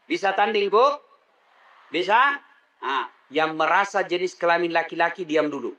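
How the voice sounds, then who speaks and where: A man's voice: fairly high pitch, animated, normal speed, bright, forceful tone, dull audio. A middle-aged man preaching a comedic sermon, teasing the crowd and leading call-and-response. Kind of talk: comedic sermon to a live audience.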